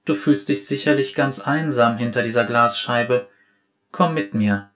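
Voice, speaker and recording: A man's voice: medium pitch, unhurried, a bit bright, lightly acted. A man voicing a curious young mechanical girl in a storybook, asking eager, wondering questions. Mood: earnest.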